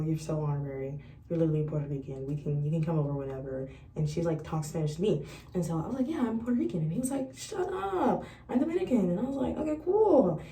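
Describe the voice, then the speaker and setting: A young college woman vlogs to the camera, casually chatting about her life and acting out past conversations with animated energy. Her voice sits fairly low, and there's slight background noise. The room echoes, and she's a bit far from the mic.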